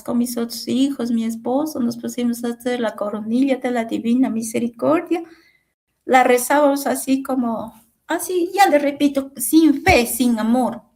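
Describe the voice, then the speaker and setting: Mom telling her faith story, kinda high voice, halting, repeats stuff. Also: a little mellow. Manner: emotional, halting, repeats phrases. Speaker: mother giving a testimony. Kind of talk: religious testimony.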